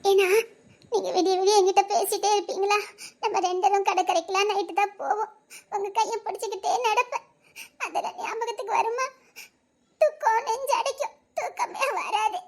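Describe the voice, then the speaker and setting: A grieving young widow in a cartoon speaks to her lost love in a very high, light voice, played by a woman. She sounds tearful and half-laughing throughout. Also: steady tone, moderate pace. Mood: wistful. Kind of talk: cartoon voice acting.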